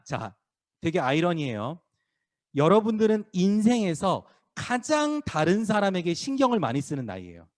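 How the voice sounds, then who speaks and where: A man preaching a casual, playful sermon to middle schoolers as youth pastor, acting out voices as he goes. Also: on the high side. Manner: lively, acts out crowd voices, teasing students by name. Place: small church worship room.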